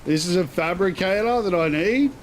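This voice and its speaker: A man's voice: high voice, expressive, normal speed, slight background noise. A man giving casual, slangy live gameplay commentary, rambling as he thinks aloud. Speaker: game streamer.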